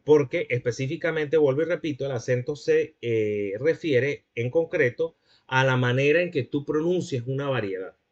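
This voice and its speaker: A man's voice: medium pitch, normal speed, muffled recording. A man giving a classroom lecture, explaining points and checking that students follow.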